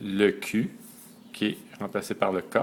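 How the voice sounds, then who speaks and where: Guy teaching letters one at a time, low voice, really slow and careful. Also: little pitch movement, a little hiss or hum. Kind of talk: step-by-step lesson.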